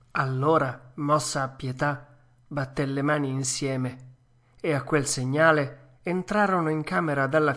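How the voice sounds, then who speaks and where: Female audiobook narrator: deep for a woman, unhurried, measured, gentle storyteller. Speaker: audiobook reader. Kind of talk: audiobook narration of a classic children's tale.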